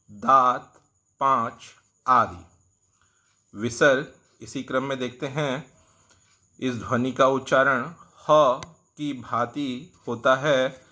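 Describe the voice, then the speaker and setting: A man teaching a Hindi grammar lesson, speaking deliberately and stretching out the example sounds. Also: medium pitch, bright, forceful tone.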